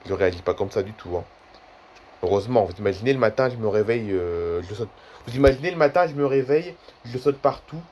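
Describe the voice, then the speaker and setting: A man's voice: medium pitch, expressive, fast talker, a little mellow, highs cut off, slight background noise. A man in his twenties chatting casually in a vlog, rambling and repeating himself often. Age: 20s. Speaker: YouTuber.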